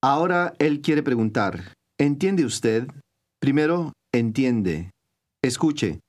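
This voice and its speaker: A man's voice: mid-range voice, sing-song. Man narrating a recorded language lesson. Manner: clear, measured teacher's delivery. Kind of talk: scripted instructional narration.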